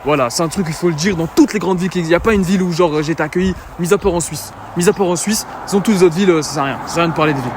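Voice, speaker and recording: A man's voice: a little high, racing, few pauses. A young man from Belgium, vlogging on foot through a city at night, tired and frustrated, repeating himself as he talks to his phone. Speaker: travel vlogger. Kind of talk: casual vlog talk to camera. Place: outdoors in a city street at night. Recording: street noise outdoors.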